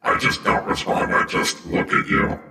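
A man playing a tabletop game, talking in a terse, deadpan way. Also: moderate pace, heavy background noise. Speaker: player. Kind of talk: casual tabletop role-play. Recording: roomy echo.

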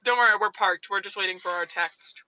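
A woman's voice: mid-range voice, brisk, sharp tone, lo-fi sound. A young woman co-hosting a podcast, chatting casually in a parked car and eating as she talks. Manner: chatty, eating between lines. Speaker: podcast co-host.

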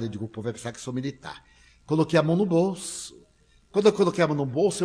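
An older man giving a talk to listeners, telling humorous anecdotes with animated delivery and frequent laughs. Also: mid-range voice, breathy edge. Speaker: lecturer.

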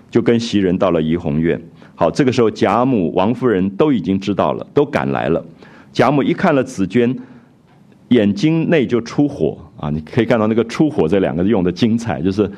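A man giving a reflective, expressive lecture on a classic novel, retelling scenes and explaining them. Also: fairly low pitch. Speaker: literature lecturer.

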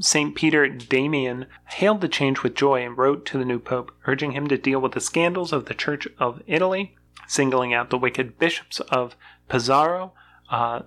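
A podcast co-host reading a history summary aloud in an even, casual way, with occasional fillers. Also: mid-range voice.

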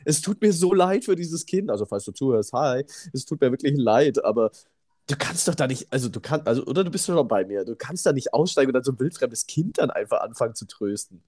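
A man's voice: medium pitch, expressive, fast talker, darkish tone, breathy edge. Laughing, rambling podcast man. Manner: laughs often, rambling storytelling. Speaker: podcast co-host. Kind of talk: casual podcast chat.

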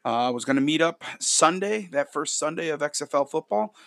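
A man's voice: on the high side, expressive, normal speed, vocal fry, a bit bright, dry recording, studio quality. A man from upstate New York hosting a sports podcast, talking casually and with opinion, repeating phrases for emphasis. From Rochester, New York, United States.

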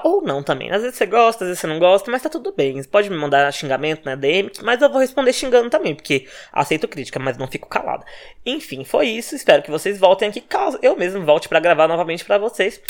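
A young Brazilian man with a Brazilian Portuguese accent, hosting a casual solo podcast from home, talking fast and animated with profanity, his home microphone sometimes clipping. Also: sits high. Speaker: podcast host.

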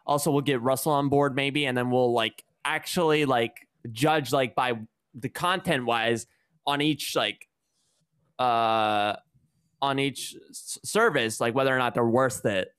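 A man's voice: mid-range voice, steady tone, unhurried, a bit bright, clear, resonant tone. A young man hosting a casual stream from his room at home, talking in a rambling way with lots of fillers and restarts. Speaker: stream host. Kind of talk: casual chat.

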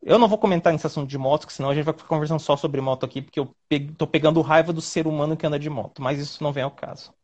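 A man from Brazil, a lawyer guest, chatting casually over a video call in an animated, rambling way with quick asides. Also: fairly high pitch.

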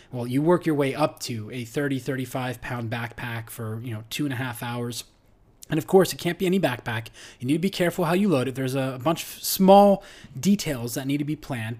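A middle-aged man, a strength coach, talking casually in a podcast monologue, full of fillers and restarts. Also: medium pitch. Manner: conversational, uses many fillers and restarts.

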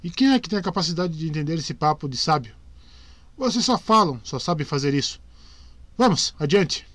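A man voicing a blunt, sharp-tongued young female archer who mocks her companions, in a dry close recording. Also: a little high, animated, a little fast, no echo. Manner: blunt, mocking.

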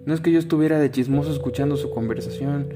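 A man's voice: on the high side, fast. An older man with a Mexican accent telling a story to the listener in a chatty, folksy way with earthy asides. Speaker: storyteller, key cutter. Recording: guitar music playing behind.

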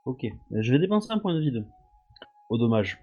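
A man's voice: medium pitch, sing-song, moderate pace, a little mellow, dull audio, soft background music. Chatty hesitant male tabletop player. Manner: chatty, hesitant, many fillers. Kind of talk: casual tabletop game chat.

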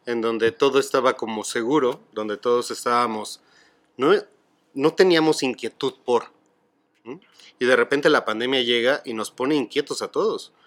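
A middle-aged man with a Mexican accent, a podcast guest who speaks calmly and reflectively about grief. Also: mid-range voice. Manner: calm, explanatory, philosophical. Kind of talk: reflective conversation.

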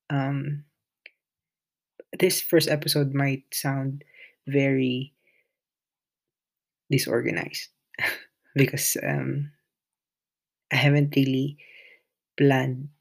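A shy, introverted Filipino podcast host whose first language is Filipino delivers a solo monologue in a slow, creaky, mid-range voice. He sounds hesitant, with many pauses and restarts.

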